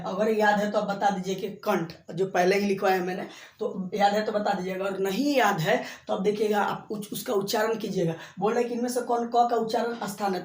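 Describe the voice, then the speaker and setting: A man teaching a school exam lesson at a board, explaining slowly and repeating himself, drawing out single sounds to demonstrate them. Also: high-pitched. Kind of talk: blackboard lesson for school exams. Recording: echoey room, voice far from the mic.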